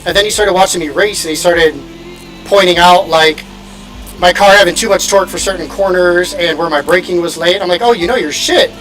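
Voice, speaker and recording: A man from Indiana chatting quickly and casually while sim racing on stream, laughing often. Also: sits high, fairly even intonation, a bit bright, low-quality recording. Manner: fast-talking, laughs often. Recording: music playing in background.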